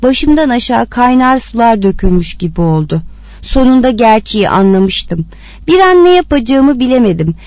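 A woman reading a story aloud with expressive narration. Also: a little high, moderate pace, no echo. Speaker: reader.

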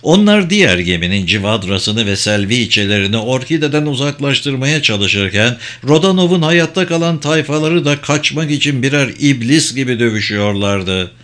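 A man narrating an audiobook in a steady, even reading voice. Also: medium pitch, moderate pace, few pauses. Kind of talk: scripted narration.

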